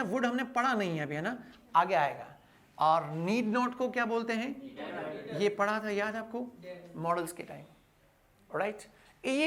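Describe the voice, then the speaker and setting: A man's voice: high voice, fairly bright tone. A man with an Indian accent teaching a spoken English class, quizzing his listeners and repeating each answer aloud. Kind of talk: classroom lecture.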